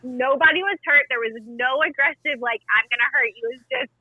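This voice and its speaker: A woman's voice: sits high, brisk, slight background noise. A woman in her late twenties talking candidly in a casual podcast chat, laughing easily. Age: 20s. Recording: dull, dry, lo-fi sound.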